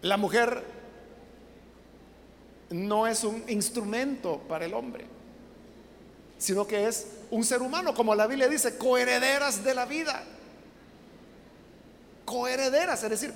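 A woman preaching a sermon. She speaks emphatically and keeps asking rhetorical questions. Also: on the high side. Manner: emphatic, rhetorical questions, acts out quoted voices. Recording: long hall reverb, faint background noise.

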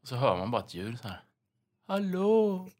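A man's voice: on the low side, husky. A man co-hosting a casual podcast chat, telling stories animatedly and acting out the voices in them. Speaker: podcast host.

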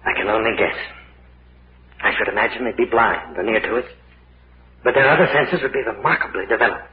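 An actor playing a grave, methodical professor in an old-time radio horror drama, explaining things with deliberate authority. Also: male voice, lowish voice, lightly acted. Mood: somber. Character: grave, methodical male professor leading a cave expedition. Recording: muffled, echoey old radio recording, faint noise.

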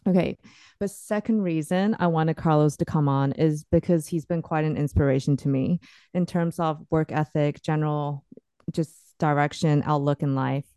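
A woman's voice: low voice, steady tone, moderate pace, mellow, clear, resonant tone, no echo. A woman hosting a podcast in a chatty, enthusiastic way. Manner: chatty, enthusiastic, laughs easily. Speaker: podcast host.

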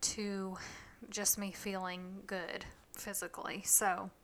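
A woman in her thirties hosting a podcast, chatty and quick to laugh. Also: mid-range voice, level tone, a bit bright, a little hiss or hum. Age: 30s. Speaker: podcast host. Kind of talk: casual chat.

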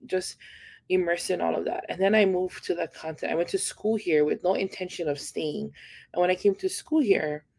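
A woman's voice: lowish voice, creaky, a little mellow, no room sound. A woman from Hawaii, speaking earnestly as a podcast guest and stressing her points through repetition. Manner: earnest, emphatic, repeats key points. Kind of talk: casual podcast conversation.

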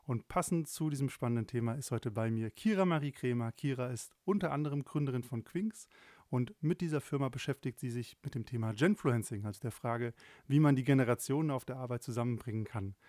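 A man in his thirties hosts a podcast interview, his questions relaxed and chatty, with plenty of fillers and self-corrections. His voice sits at a middling pitch and sounds dry and close, with little room around it. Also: a little fast, no room sound. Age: 30s. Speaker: podcast host.

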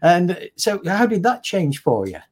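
A man hosting a live-stream interview, chatty and quick to repeat words as he restarts his sentences. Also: high voice, huge pitch swings, a little mellow. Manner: chatty, repetitive restarts, friendly laughs. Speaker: host.

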